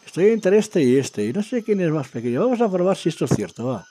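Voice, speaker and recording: A man giving casual, excitable commentary as he plays a game, talking to himself and his viewers. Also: sits high, fast talker, slight background noise. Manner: talks to himself and viewers while exploring, excitable. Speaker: gaming video creator.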